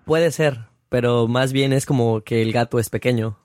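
A man with a Mexican accent talks at an average pitch in a casual lesson chat. He explains words patiently with everyday examples. His voice is recorded dry and close to the mic. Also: moderate pace, a little mellow, dry recording. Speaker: co-host explaining Mexican Spanish.

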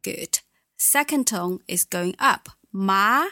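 A woman teaching Mandarin tones, explaining patiently and modelling each word clearly. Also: mid-range voice, unhurried, a bit bright, no room sound, studio quality. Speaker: language teacher. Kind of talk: language lesson.

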